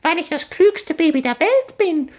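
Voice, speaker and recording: A man's voice: very high-pitched, very animated, moderate pace, darkish tone, pitched above the performer's own voice. A man voicing a smug, overly polite talking baby who knows it all, in a storybook reading. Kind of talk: storybook narration.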